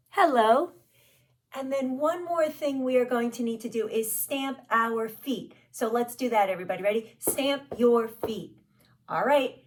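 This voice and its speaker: A woman talking as a kids show host, leading young children through story time with animated, encouraging, simple repeated instructions. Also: a little high.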